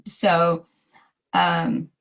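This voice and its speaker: A hoarse woman in her forties giving a recorded design lecture, chatty and self-deprecating with asides to her students. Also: on the low side, completely flat delivery, extremely slow. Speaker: design instructor.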